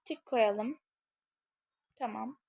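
A woman's voice: a little high, extremely slow, vocal fry, mellow, husky. A young woman casually commenting on a game she is playing, chatting to her viewers and thinking aloud as she goes. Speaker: gaming channel creator.

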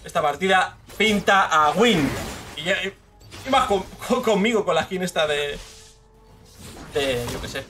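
A young man with a Spain Spanish accent giving live gameplay commentary, swearing freely and bursting into shouts at the big plays. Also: high voice, expressive, measured pace, long pauses. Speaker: streamer. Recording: game music clearly behind the voice.

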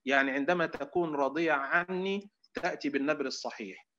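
A man with an Egyptian Arabic accent teaches an online class in a fairly high voice. He keeps quizzing his listeners, posing fill-in questions and answering them himself. The audio is dull and lo-fi. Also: quick pace, pushed and bright. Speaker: lecturer. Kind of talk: online lecture to students.

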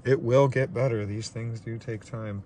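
Opening trading card packs in a small room under a ring light, a young man with a stuffed-up nose talks it through off the cuff, a bit self-deprecating. He speaks at a normal pace in a steady mid-range voice, with background noise present.

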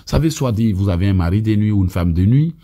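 Speaking fast with lively intonation, the man has a warm voice on the low side. He is in his thirties, from Côte d'Ivoire, with Abé as his mother tongue and an Ivorian French accent, and he gives emphatic deliverance prayer teaching marked by frequent stammering restarts, recorded outdoors on an arm's-length phone.

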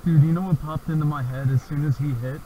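A young man talking excitedly while handling a fish outdoors, swearing and exclaiming as he goes. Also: fairly high pitch, fast talker, dull audio, slight background noise. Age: young adult. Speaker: angler filming his catch. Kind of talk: excited casual chat. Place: outdoors on rocks at a spillway.

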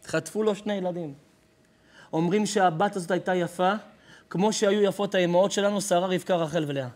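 A man's voice: high voice, fairly even intonation, darkish tone. A rabbi giving a live sermon, telling a story with emphasis and calling to his listeners directly. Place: live lesson before an audience.

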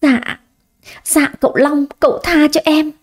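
A woman's voice: high-pitched, steady tone, a little slow, pitched above the performer's own voice. A woman voicing a young housemaid who tearfully begs her employer for forgiveness. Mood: pleading. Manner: tearful, begging. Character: young female housemaid, frightened and pleading.

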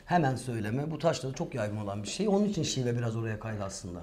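A man's voice: mid-range voice, lively intonation, fast, a little mellow. A middle-aged man, a puppeteer, chatting casually in a musing, trailing-off way. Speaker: puppeteer guest. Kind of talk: casual chat.

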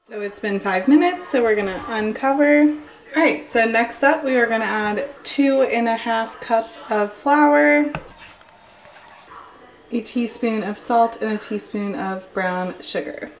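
Filmed close up by a camera, a young lifestyle vlogger bakes along in her home kitchen, chatting casually, musing aloud, and teasing herself. Her voice is a little high and her pace unhurried.

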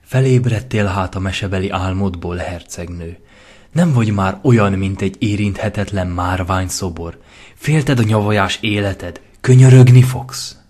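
A man's voice: low voice, a little mellow. A man voicing an emotional young female green unicorn torn between love and friendship, in an audio fanfiction reading. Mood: mocking. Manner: emotional, anguished.

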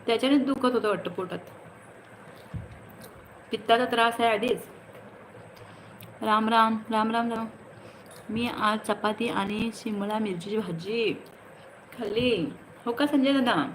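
A woman's voice: fairly high pitch, unhurried, long pauses, a little hiss or hum, poor audio. A woman hosting a casual phone livestream, greeting viewers by name and chatting in a teasing way. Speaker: livestream host. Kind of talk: casual live chat reading comments.

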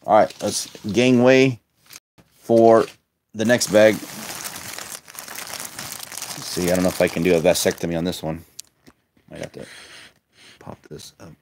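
A man's voice: deep voice, fairly even intonation, unhurried, long pauses, a little mellow, slight background noise. A man casually commenting while opening a lot of old toy cars, chatty and wry with muttered asides, filmed on a handheld phone at a table indoors. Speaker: toy collector vlogger. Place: indoors at a table, filming toys close up.

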